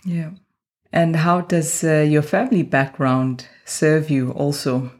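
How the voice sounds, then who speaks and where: A woman hosting an interview podcast who reads the intro and asks questions, listening quietly. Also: sits low, steady tone, takes it slowly. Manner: quiet, attentive, with many soft murmurs of assent. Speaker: podcast host. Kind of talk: interviewing and reading a show intro.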